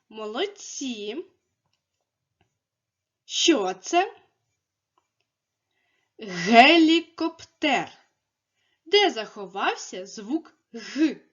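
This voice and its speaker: A woman teaching a speech lesson to young children, speaking slowly and enunciating clearly as she coaxes them to repeat after her. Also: a little high. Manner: slow, clearly enunciated, coaxing. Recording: dull lo-fi recording.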